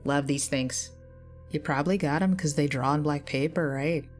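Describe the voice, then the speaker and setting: A woman's voice: low voice, moderate pace, soft background music, natural voice. Stan, a nasal scruffy guy as a woman narrator puts him on. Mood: offhand nosy. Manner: casual, nosy, offhand. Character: scruffy young adult male entity.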